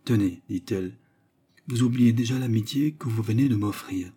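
A man reading aloud and voicing a proud, mysterious young woman who speaks gravely and solemnly. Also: on the low side, normal speed, mellow. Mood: persuasive. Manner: grave and solemn, at times light.

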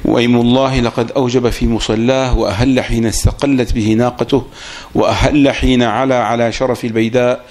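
Fast-reading man reciting a text. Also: medium pitch, level tone, a little mellow. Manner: reads steadily, pauses for the teacher's comments. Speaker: student reading the text aloud. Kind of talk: reading a classical Arabic text aloud.

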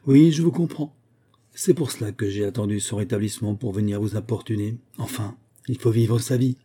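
A man reading a storybook voices a suave, ironic gentleman thief who is coolly polite and menacing. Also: fairly low pitch, a little fast, slightly rough. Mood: ironic menace.

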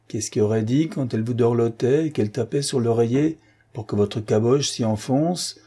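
A man's voice: mid-range voice, normal speed, dark tone, husky. A man voicing a jovial army captain who gives orders to his wounded soldiers, by turns commanding and affectionate. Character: hearty male army captain, convalescent officer.

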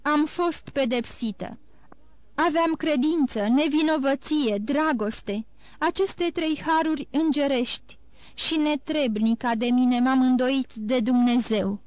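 A woman's voice: sits high, a little mellow, dry recording, lightly acted. A woman voicing a grieving, guilt-ridden woman near forty who pleads sorrowfully and blames herself, read from an audiobook. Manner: sorrowful, self-reproaching pleading. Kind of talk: audiobook character reading.

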